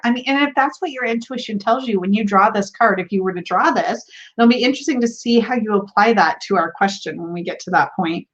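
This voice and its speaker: Giggly woman hosting a lo-fi livestream. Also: fairly high pitch. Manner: giggly and bubbly, laughs often. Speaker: tarot livestream host. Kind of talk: casual livestream chat, reading viewer comments.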